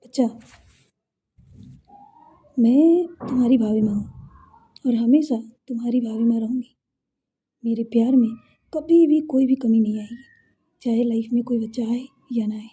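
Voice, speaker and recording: Caring, gentle sister-in-law voiced by a female narrator; dark, breathy delivery. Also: a little high, normal speed, pauses often. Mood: tender. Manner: gentle, reassuring. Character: affectionate, caring young sister-in-law figure.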